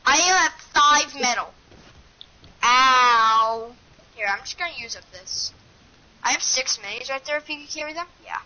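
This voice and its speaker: A woman streaming a shooter game, calling out loot in an excitable, whiny way. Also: high voice, measured pace. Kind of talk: casual gaming stream chat. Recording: lo-fi with faint noise.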